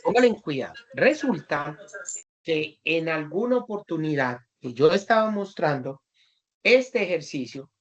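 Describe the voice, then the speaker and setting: Un hombre con acento colombiano que da una clase en línea y explica con paciencia, imitando a sus alumnos en anécdotas. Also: male voice, high-pitched, dull audio. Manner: patient, acts out students in anecdotes. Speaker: teacher. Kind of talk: online class, explaining to students.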